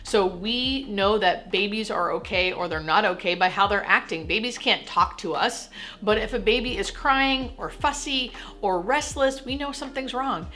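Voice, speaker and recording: A woman's voice: medium pitch, moderate pace, sharp tone. A woman speaking as a hospice nurse and video host, explaining things to camera in plain, reassuring words.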